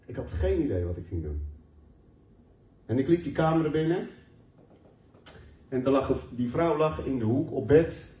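A man's voice: mid-range voice, animated, normal speed, long pauses, warm tone. A man preaching a sermon, telling a personal testimony in an earnest storytelling way and reading scripture aloud. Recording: roomy, distant, dull hall mic.

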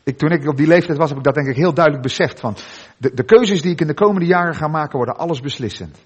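A middle-aged man preaching a sermon in a church, earnest, with dramatic pauses and endings that drop soft. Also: a little high, slightly rough, lo-fi sound.

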